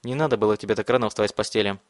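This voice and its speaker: A man voicing a stern teenage leader who gives calm, clipped threats. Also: on the low side, very fast, no echo, studio quality, lightly acted.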